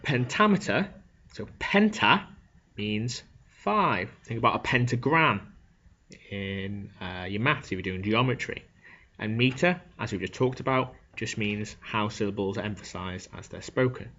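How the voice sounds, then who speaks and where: A low-pitched man teaching a class, taking it slowly and breaking each idea down into steps. He keeps checking that his students follow with a quick "okay?". The recording is dull and lo-fi. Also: animated, bright, forceful tone, slight background noise. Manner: explanatory, checks in with frequent "okay?". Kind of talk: classroom lecture on Shakespeare.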